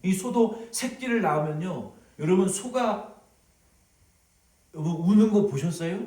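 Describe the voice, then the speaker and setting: Animated Korean pastor in echoey church. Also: male voice, fairly high pitch. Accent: Korean, Jeolla dialect touches. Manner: animated, storytelling, acts out sounds. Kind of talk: sermon. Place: large church sanctuary. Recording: echoey hall, from far off.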